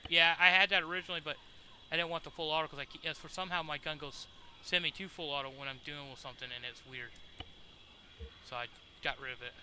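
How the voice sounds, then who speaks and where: A man with a fairly high voice talks tactics in a military game squad. His talk mixes casual chat, swearing and radio jargon, over clearly noisy voice chat. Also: fairly even intonation, quick pace. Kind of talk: casual tactical chat during online gameplay.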